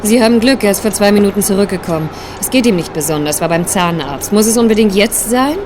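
An actress voicing a brisk, tart woman in a radio play. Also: medium pitch, animated, lightly acted. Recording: street noise behind.

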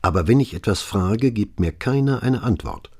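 An eager young policeman in a crime audiobook, brisk and respectful toward his boss, as a man reads him. The voice sits a little higher than the narrator's own, with a husky edge. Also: animated, a little mellow.

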